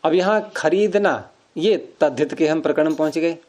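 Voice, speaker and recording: A man's voice: on the high side, moderate pace, a little mellow. A man teaching Sanskrit grammar in an informal class, explaining patiently with everyday examples.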